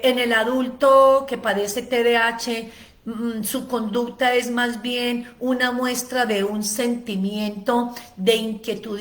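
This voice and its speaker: A woman giving a spoken lecture on ADHD, explaining at length with frequent "eh" fillers and long lists. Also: a little high. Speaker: ADHD educator giving a seminar.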